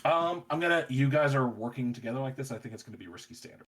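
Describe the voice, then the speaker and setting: A man's voice: medium pitch, animated, quick pace, a bit bright, low-quality recording. A man narrating as game master of a tabletop role-playing game, describing scenes in a cinematic way.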